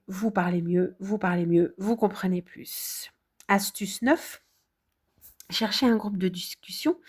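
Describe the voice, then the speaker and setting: A middle-aged woman from France giving a casual video lesson as an English teacher, talking in a direct, encouraging way with lively emphasis. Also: mid-range voice.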